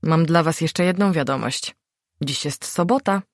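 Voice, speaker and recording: A woman's voice: low voice, a little slow, no echo, studio quality. A woman voicing a bossy, impatient young female friend who gives orders and scolds. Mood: scolding. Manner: commanding, scolding.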